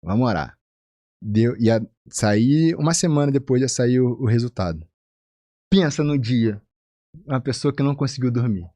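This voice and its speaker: A man from Rio de Janeiro with a Carioca accent, a physician guest telling a personal story in a casual, animated way and acting out the voices of the people in it. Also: normal speed, dry recording. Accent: Carioca Brazilian Portuguese. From Rio de Janeiro, Brazil. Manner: animated, acts out quoted voices with big pitch jumps.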